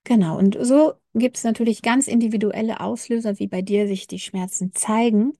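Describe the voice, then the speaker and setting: A woman's voice: on the high side, steady tone, normal speed, warm tone, no room sound, clean studio sound. A woman coaching people with chronic pain, talking casually and reflectively to the listener, acting out inner voices along the way. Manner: addresses the listener informally, frequent fillers. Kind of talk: casual direct-to-camera talk.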